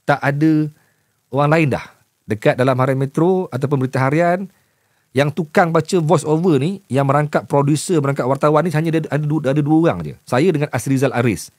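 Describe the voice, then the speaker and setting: A male news journalist and voice-over producer with a Malaysian Malay accent chats candidly to camera, mixing in English, stuttering and repeating words. His voice is a little high and darkish, fairly quick. The recording is dry, with clean studio sound.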